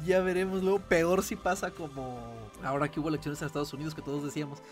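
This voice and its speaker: A man's voice: a little high, steady tone, fast talker, music in the background. A man with a Mexican Spanish accent hosting a casual podcast chat about film news, rambling with many restarts and fillers. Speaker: podcast host.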